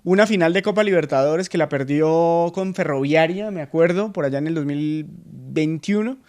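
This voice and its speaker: A man co-hosting a sports radio show, chatty and quick to chime in. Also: a little high, a little mellow. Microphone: studio radio mic.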